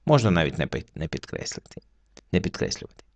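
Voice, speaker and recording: Guy teaching french word by word, deep gravelly voice, patient and slow. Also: big pitch swings. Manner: slow, patient explaining with pauses. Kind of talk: word-by-word reading lesson.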